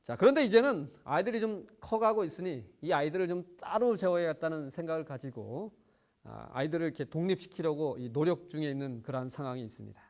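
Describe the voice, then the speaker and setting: A man's voice: fairly high pitch, expressive, quick pace, a little mellow. A man preaching a sermon, telling a personal story earnestly, with frequent small fillers and phrases that swell for emphasis.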